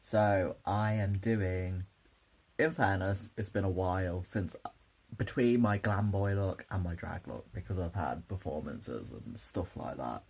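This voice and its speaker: A man's voice: low voice, a little slow, vocal fry, darkish tone, a little hiss or hum, low-quality recording. A young man, a drag performer, chatting to camera in a rambling, sleepy, self-interrupting way about makeup. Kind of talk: casual chat to camera. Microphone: camera mic.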